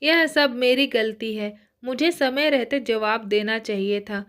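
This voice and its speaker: A woman voicing a protective young man who speaks gently and reassuringly, at an unhurried pace. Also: a little high. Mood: gentle.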